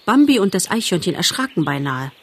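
A woman reading a classic animal novel aloud as an audiobook narrator, measured and even. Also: on the low side, noisy background.

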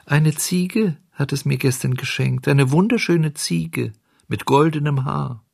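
Man voices storybook cricket: small, wise, high-pitched, prim and scolding. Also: unhurried, vocal fry, darkish tone, slightly rough, no echo, clean studio sound, full character voice. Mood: gentle. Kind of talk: audiobook character voice.

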